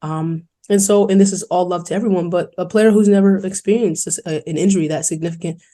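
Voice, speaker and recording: A young woman from New York City, a college basketball player, telling her story in an earnest, fast-flowing way on a podcast interview. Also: fairly low pitch. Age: young adult. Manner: earnest, fast-flowing, quoting others in lively voices.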